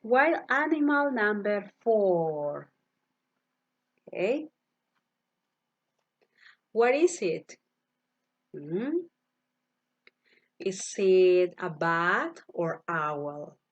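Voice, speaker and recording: Very slow-speaking teacher woman. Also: medium pitch, sing-song, lo-fi sound. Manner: slow, repeats each word, asks children to repeat. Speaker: primary school English teacher. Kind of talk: online class, slow vocabulary drill. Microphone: computer mic, virtual class.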